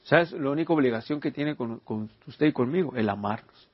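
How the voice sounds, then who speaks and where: Husky-voiced man preaching conversationally. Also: medium pitch, brisk, no echo, lo-fi sound. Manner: conversational storytelling with rhetorical questions. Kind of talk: informal sermon.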